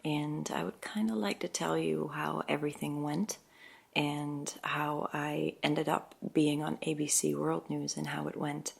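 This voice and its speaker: A young woman with a low voice and a gravelly, fry-laden edge speaks softly to her viewers. She chats casually and a little hesitantly, pausing on small fillers as she tells her side of a story. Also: steady tone. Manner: soft, hesitant, many ums, light laughs. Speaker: ASMR creator. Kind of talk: soft-spoken casual chat to viewers.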